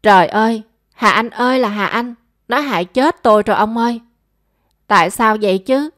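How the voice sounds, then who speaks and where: A woman's voice: on the high side, moderate pace, fairly bright tone, dry recording, close to an everyday voice. A woman voicing a scolding, money-minded middle-aged mother who nags and complains, in a dry close recording. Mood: wailing.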